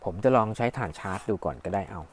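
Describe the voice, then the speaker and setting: A man's voice: fairly low pitch, lively intonation, fast talker, slight background noise. A man casually demonstrating a thermometer at home, thinking aloud and narrating each button press as he goes. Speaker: product reviewer. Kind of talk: casual hands-on product demo. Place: at home indoors. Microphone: phone camera.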